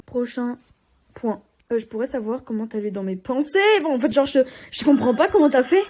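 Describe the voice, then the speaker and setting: A woman's voice: a little high, brisk, warm tone. A woman talking in a playful, chatty and teasing way. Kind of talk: casual chat.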